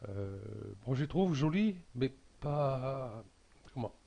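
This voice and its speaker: A man talking through a casual software tutorial, hesitant and full of fillers and restarts. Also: mid-range voice, sing-song, slow, lo-fi sound.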